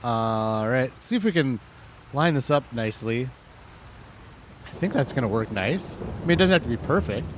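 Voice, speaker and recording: A man's voice: mid-range voice, animated, normal speed, long pauses, a little hiss or hum. A man casually commenting on his own farming game, rambling and thinking aloud in an easygoing way. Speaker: gaming channel host. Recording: music playing under the voice.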